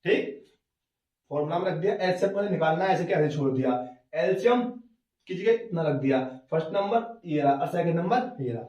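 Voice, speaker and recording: A man's voice: a little high, animated, a little fast, a little mellow, echoey room, distant mic, lo-fi sound. A man teaching a math lesson step by step, asking questions and answering them himself, and calling the students "beta".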